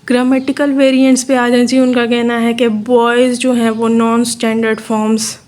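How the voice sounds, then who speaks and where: A woman from Pakistan with a Pakistani accent, giving a steady, explanatory lecture and repeating her points. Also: fairly high pitch, moderate pace. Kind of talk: explaining a lesson in Urdu mixed with English terms.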